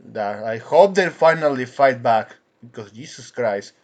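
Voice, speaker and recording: A man hosting an angry commentary rant, indignant and swearing, with frequent halting restarts. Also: mid-range voice, lively intonation. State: coughing from anger at times. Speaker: commentary channel host.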